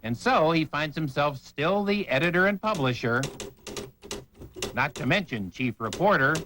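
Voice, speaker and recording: A man's voice: fairly high pitch, animated, moderate pace, pushed and bright, a little hiss or hum. A man narrating a feature report with wry, scripted delivery.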